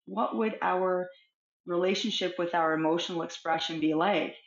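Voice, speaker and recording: A middle-aged woman, a counsellor, talking as a guest in an interview, speaking in a reflective, expressive way and acting out little everyday scenes. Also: lowish voice, moderate pace. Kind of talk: conversational interview. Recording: roomy, dull lo-fi sound.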